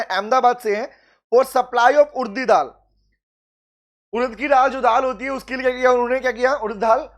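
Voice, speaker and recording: A man's voice: very high voice, fairly bright tone. A man, teaching law in a live online class, greeting students by name and reading practice questions aloud before explaining them.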